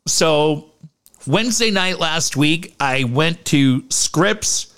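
A man's voice: fairly high pitch, animated, slow pace, fairly bright tone, clean tone. A man co-hosting a casual sports talk show, sounding stuffed up from nose packing, rambling and slangy with some swearing.

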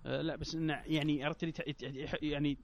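A man chatting casually as a panelist, halting and repeating himself insistently. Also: on the high side, flat delivery, vocal fry. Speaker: panelist on a film discussion show. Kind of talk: casual chat.

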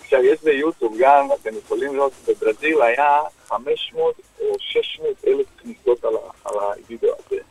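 A middle-aged man with a Croatian accent, a former footballer telling stories as a radio guest, in lively, broken speech. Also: mid-range voice, creaky, slightly rough, dry recording, poor audio. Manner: lively, acts out dialogue, broken grammar. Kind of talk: animated storytelling on radio.

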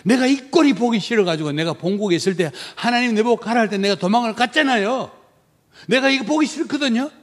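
A man's voice: extremely high pitch, animated, fast talker, pitched above the performer's own voice. A man preaching in Korean briefly speaks as the resentful prophet Jonah, a grown man complaining defiantly to God. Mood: angry complaint.

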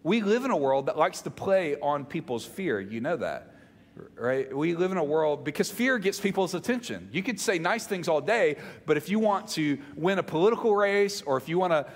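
A man's voice: a little high, expressive, moderate pace. Emphatic Southern preacher man in a reverberant hall. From Mississippi, United States. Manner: emphatic, repeats phrases, asks the audience questions. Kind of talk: conversational sermon to a congregation. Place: large reverberant room, speaking to a congregation.

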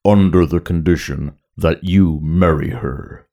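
A man voicing a huge, pompous male slug gangster lord in a story reading, slow and self-satisfied. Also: very deep voice, creaky, dark tone, slight background noise, exaggerated voice. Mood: menacing.

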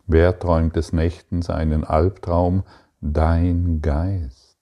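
Very deep, slow-spoken man teaching. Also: little pitch movement, muffled recording. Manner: slow, deliberate, answers his own rhetorical questions. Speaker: spiritual teacher. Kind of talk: spiritual teaching with readings from a text.

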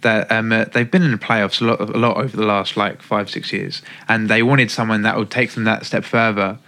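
A man's voice: on the low side, steady tone, fairly quick, bright, forceful tone. A man chatting casually about football on a podcast, hesitant and often restarting. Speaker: podcast guest.

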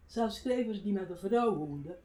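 An older woman, a writer, telling stories in a relaxed conversational interview, animated and laughing often. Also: mid-range voice, moderate pace. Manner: animated, acts out quoted voices, laughs often. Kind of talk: reflective conversational storytelling.

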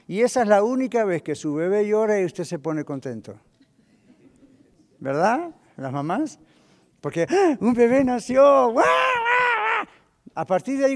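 A middle-aged male pastor preaching a sermon, animated and full of rhetorical questions. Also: high voice. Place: church hall. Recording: long hall reverb.

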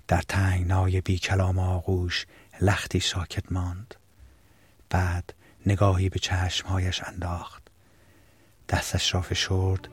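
A man narrating a romance novel as an audiobook, reading calmly and evenly. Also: low voice, breathy edge, no room sound. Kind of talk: scripted literary narration.

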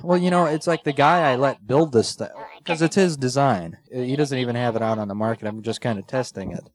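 A man making a prank phone call through a voice changer that jumps between high and low pitch, rambling and stammering insistently. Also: brisk. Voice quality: warbling electronic voice. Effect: voice changer jumping between high and low pitch. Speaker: prank caller.

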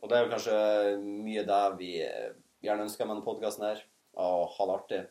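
A man with a North Norwegian accent and a lowish voice. He co-hosts a podcast in loose, casual chat, musing playfully as he goes. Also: fairly even intonation, a little mellow. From Northern Norway. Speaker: podcast co-host.

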